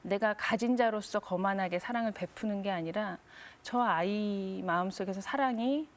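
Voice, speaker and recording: Soft-spoken woman sharing her testimony. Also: mid-range voice, moderate pace. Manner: soft, reflective, frequent affirming "네". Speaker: guest. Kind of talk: faith testimony interview.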